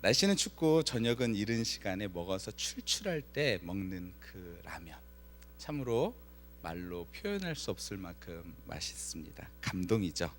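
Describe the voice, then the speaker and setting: This pastor's voice is low-pitched and moderately paced as he preaches a Friday night sermon inside a church sanctuary. Telling a story with liveliness, he voices the quoted lines and asks the congregation questions.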